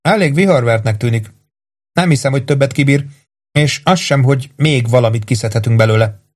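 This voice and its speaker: A male reader voicing a gruff, matter-of-fact male accomplice in a crime story. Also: medium pitch, close to an everyday voice. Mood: wary. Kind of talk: audiobook character reading.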